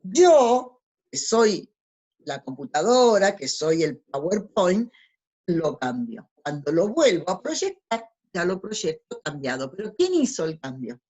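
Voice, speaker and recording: Woman, fairly low voice, spiritual teacher, slide lecture, rhetorical questions, tag questions. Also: big pitch swings, slow pace, darkish tone, breathy edge. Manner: didactic, rhetorical questions answered herself.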